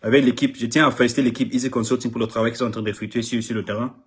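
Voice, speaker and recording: A middle-aged artist manager from Cameroon, a native English speaker, races through an impassioned public address in French, emphatic, repetitive and stumbling over words. His mid-range voice keeps fairly even intonation, and a little hiss or hum is audible.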